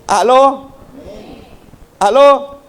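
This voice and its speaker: Middle-aged male pastor, high-pitched, fervent sermon delivery that prods the congregation for responses. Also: extremely slow, a bit bright, smooth.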